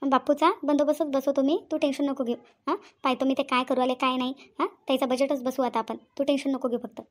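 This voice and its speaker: A woman's voice: high voice, little pitch movement, quick pace, close to an everyday voice. [name], a woman voicing a soothing cartoon friend. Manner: soothing, reassuring, asks "hm?" often. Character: comforting female friend, adult woman. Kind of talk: Marathi cartoon voice acting.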